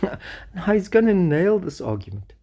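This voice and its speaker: A man's voice: sits high, very animated, unhurried, warm tone. A man lecturing through a research paper, reading passages and breaking in with enthusiastic, exclamatory asides. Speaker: education lecturer.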